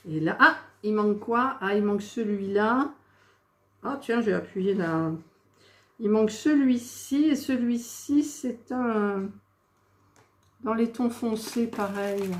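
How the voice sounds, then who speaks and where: A woman's voice: mid-range voice, takes it slowly. A woman vlogging her craft project, talking to herself as she hunts for missing pieces, with exasperated asides to viewers. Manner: talks to herself while searching, exasperated asides. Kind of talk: casual crafting chatter. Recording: echoey room with faint noise.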